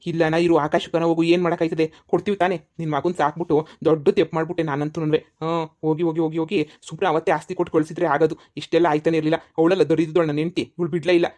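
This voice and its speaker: A man's voice: fairly high pitch, level tone, very fast, a little mellow, lightly acted. A man voicing an irritated village brother and husband in a cartoon comedy, scolding and exasperated.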